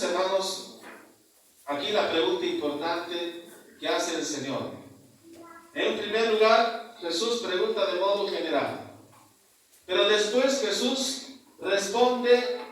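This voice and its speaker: A man, a priest, preaching a sermon at mass, asking rhetorical questions and adding tag questions, slowing to stress key words. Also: high-pitched, a bit bright. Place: large church. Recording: very echoey church from far off.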